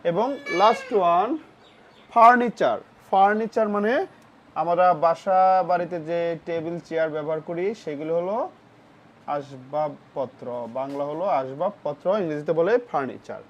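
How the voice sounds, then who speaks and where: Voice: mid-range voice, normal speed, dull audio, slight background noise. A patient teacher giving a phonics lesson to children. The teacher spells each word letter by letter, repeats it, and asks the pupils questions. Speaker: English vocabulary teacher for children. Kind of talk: classroom-style phonics lesson.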